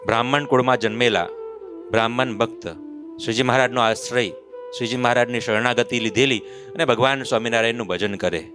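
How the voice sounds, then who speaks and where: A man's voice: medium pitch, steady tone, fast talker, a bit bright. A man preaching a devotional story, who acts out the voices of mocking villagers as he tells it. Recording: clear instrument music behind the voice. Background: musical instrument accompaniment.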